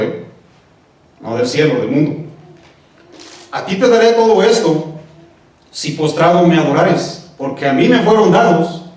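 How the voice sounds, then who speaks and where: Echoey, somewhat high-voiced preaching man. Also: darkish tone. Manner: conversational preaching, frequent "mis amados" and "¿no?" asides, joking. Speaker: pastor. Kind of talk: sermon. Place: church. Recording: echoey church hall, mic at a distance.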